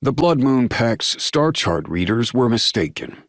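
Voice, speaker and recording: A man's voice: mid-range voice, sing-song, a little slow, dry recording, studio quality, voice pushed up. A man voicing a jovial, doting older werewolf pack leader in an audiobook, effusive and fond. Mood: earnest. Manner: warm, delighted, effusive. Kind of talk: audiobook character voice.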